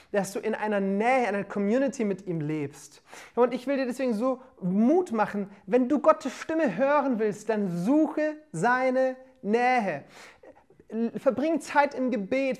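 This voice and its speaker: Energetic woman preaching to online viewers. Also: mid-range voice. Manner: energetic, addressing listeners directly with "hey" and "come on". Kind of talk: livestreamed church sermon.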